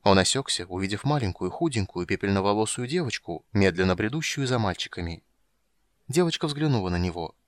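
A man reads a fantasy tale aloud in a calm, even voice. The recording is dry and close, with no room sound. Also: fairly low pitch, a little fast, no room sound. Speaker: narrator. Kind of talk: audiobook narration.

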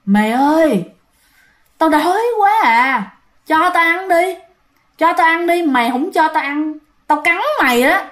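Woman doing a high, drawn-out ghost woman, starving and menacing, in a storybook tale. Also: animated, fairly bright tone. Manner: whiny, threatening, drawn-out. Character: hungry female ghost, menacing and pleading.

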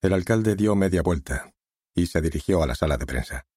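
A man reads an audiobook in a measured, even way. His voice is deep, dark and a little husky. The recording is dry and close. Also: no echo. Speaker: audiobook narrator. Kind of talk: scripted narration.

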